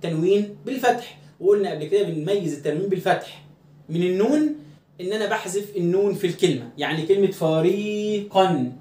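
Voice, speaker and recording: A man who speaks with an Egyptian Arabic accent, teaching an Arabic grammar lesson. He drills words slowly and asks questions that he answers himself. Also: high-pitched, dark tone, reverberant.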